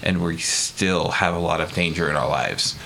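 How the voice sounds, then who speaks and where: A man chatting casually as a player in a tabletop game, making quick joking remarks. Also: sits low, gravelly, pushed and bright, slight background noise. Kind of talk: casual chat.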